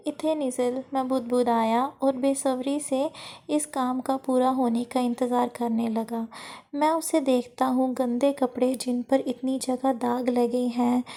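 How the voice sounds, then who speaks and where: A woman reads a first-person novel chapter aloud in a soft, even storytelling manner. Her voice sits high yet sounds mellow and warm rather than bright. She speaks the quoted dialogue in that same voice. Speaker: story narrator.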